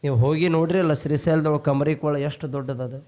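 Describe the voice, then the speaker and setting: A man's voice: fairly high pitch, steady tone, quick pace, mellow. A man with a North Karnataka accent telling a devotional story as a sermon, asking listeners rhetorical questions and drawing out key phrases. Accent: North Karnataka Kannada. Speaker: preacher, storyteller.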